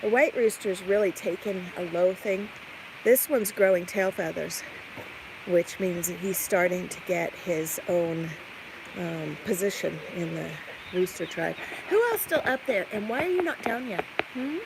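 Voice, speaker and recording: A woman's voice: on the low side, unhurried. A woman hosting a casual livestream, rambling and thinking aloud to viewers and animals as she does farm chores. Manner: coos and chats to animals in questions. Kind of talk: casual chatty livestream walk-about, talking to viewers and animals. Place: farmyard, barn and chicken coop. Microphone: handheld phone or camera. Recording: noisy handheld farm recording with poultry sounds. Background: clucking chickens, rooster, farm ambience.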